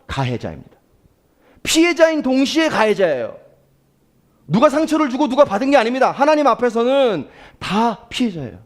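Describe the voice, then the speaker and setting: Guy preaching a sunday sermon, high voice that jumps all over, keeps asking the crowd stuff. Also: normal speed. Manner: animated preaching, asks the congregation questions; acts out quoted prayers and speech. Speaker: pastor.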